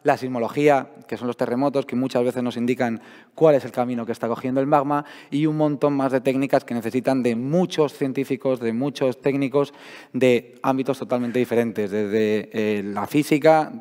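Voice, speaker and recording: A man's voice: medium pitch, steady tone, normal speed, dark tone. A man giving an informal, explanatory science talk to an audience, his voice worn out and giving out. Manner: colloquial, explanatory. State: hoarse, voice giving out after a night out. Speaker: seismologist, guest speaker. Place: public talk in a large hall. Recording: echoey hall, long reverb.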